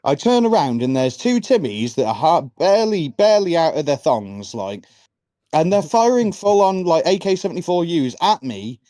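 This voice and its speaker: A man co-hosting a podcast, casually recounting a gaming anecdote in a lively storytelling way. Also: a little high, moderate pace, no room sound, studio quality. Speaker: podcast co-host.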